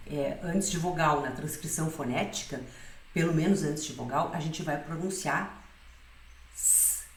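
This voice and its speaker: A woman with a fairly low voice gives a patient pronunciation lesson and keeps checking that her students follow along. Her voice sounds roomy, as if she is recording in an echoey room. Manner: explains patiently, often checking with "né?" and "certo?". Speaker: Spanish pronunciation teacher.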